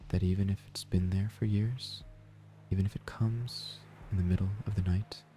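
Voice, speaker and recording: Soft, low-pitched man guiding sleep meditation. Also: steady tone, moderate pace, slight background noise. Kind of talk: slow, soft-spoken guided sleep meditation. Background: ocean waves and gentle music.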